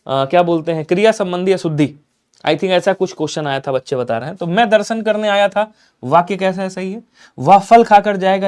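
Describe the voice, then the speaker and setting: A man's voice: high-pitched, clean tone. A man teaching a live online exam prep class on Hindi grammar, explaining answers in an emphatic way, repeating key points and checking in with his students.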